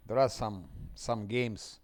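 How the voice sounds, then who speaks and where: A man from Ukraine with an Eastern European accent, giving casual commentary as he streams a game. He often mutters quietly to himself and restarts his sentences. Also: fairly low pitch, fairly even intonation. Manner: mutters quietly while playing, halting restarts.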